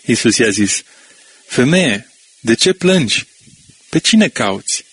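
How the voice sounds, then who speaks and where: Husky guy reading scripture, slow and steady. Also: mid-range voice.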